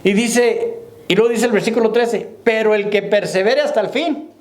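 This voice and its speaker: A pastor's voice sits high with a darkish tone as he preaches at normal speed. He calls out to his congregation with repeated "hermano" and "¿me entiende?" The echoey church recording has a little hiss or hum.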